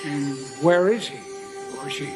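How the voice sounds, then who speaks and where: A man playing a brisk, impatient judge in a TV courtroom drama, formal and projecting. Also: fairly high pitch, music in the background, lightly acted. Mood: formal, questioning.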